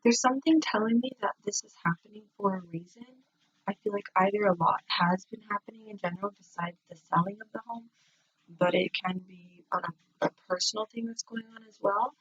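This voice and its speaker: A soft-spoken woman with a husky voice gives a casual, unhurried spiritual tarot reading in an echoing bathroom. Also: mid-range voice. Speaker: tarot card reader. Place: indoors, in an echoing home bathroom. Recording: dull, echoing bathroom sound.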